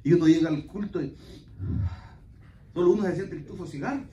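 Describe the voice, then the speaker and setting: A man preaching a sermon as pastor, telling folksy stories to his congregation and breaking into loud exclamations. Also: a little high, a little fast, lo-fi sound. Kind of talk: Spanish-language church sermon. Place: church sanctuary. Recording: echoey church hall, mic at a distance.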